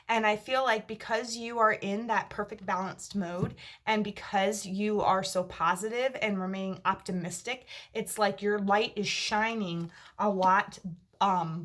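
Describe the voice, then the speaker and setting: A woman giving a monthly tarot reading to camera, her voice a little creaky and tired after a long day, reassuring listeners as she goes. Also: mid-range voice, a bit bright. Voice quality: slightly creaky. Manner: reassuring, checks in with "okay?". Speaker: tarot reader.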